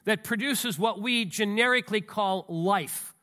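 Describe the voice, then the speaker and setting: A pastor with a high, bright voice and a stuffy nose from a cold delivers an unhurried sermon. His style is folksy and conversational, full of asides and restarts, and he reads scripture aloud with rising emphasis.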